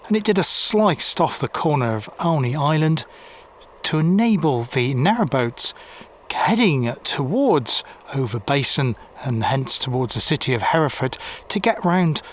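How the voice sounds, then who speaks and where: This walking vlogger from Gloucestershire, England, chats in his local accent as he strolls past a river and a busy road, drifting along with small restarts. His medium-pitched voice sounds a bit bright over faint traffic and weir sounds.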